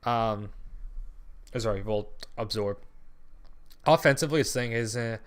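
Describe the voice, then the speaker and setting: This channel host, a young man with a fairly low voice, talks a little slowly through casual gaming commentary. Rambling as he thinks aloud, he says um a lot, swears often and keeps abandoning and restarting sentences.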